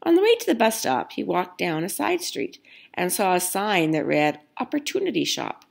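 A woman reads a children's picture book aloud, telling the story expressively. Her voice is lowish and creaky, at a moderate pace.

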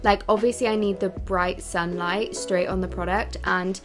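A woman's voice: mid-range voice, fairly even intonation, normal speed. Chatty young woman vlogging. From England. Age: 20s. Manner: chatty, lots of "like" fillers. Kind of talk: casual vlog voice-over. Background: background music.

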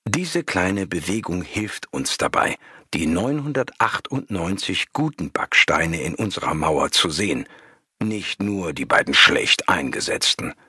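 A man reading a spiritual book aloud as scripted narration, calm and measured, with a husky voice. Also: low-pitched, no room sound, studio quality. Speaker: audiobook reader.

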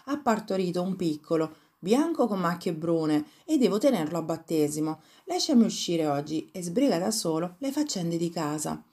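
A woman voicing a sly, greedy male house cat in a fairy tale reading, speaking smoothly and evasively. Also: lowish voice, sing-song, moderate pace, few pauses, dark tone. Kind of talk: storybook reading.

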